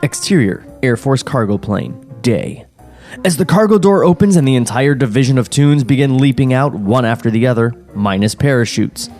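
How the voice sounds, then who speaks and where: Narrating the stage directions for a script table read, this podcast host keeps things dry and wry, with chuckles and sarcastic remarks. His voice is mid-range, expressive, and a little mellow at a normal speed, recorded on a studio podcast mic over soft background music.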